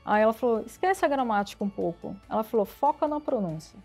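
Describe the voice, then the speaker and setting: Lively woman telling stories. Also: on the high side, fast talker, breathy edge, faint music behind. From São Paulo, Brazil. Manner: lively storyteller acting out quoted dialogue. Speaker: interview guest, IT executive. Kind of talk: casual storytelling interview.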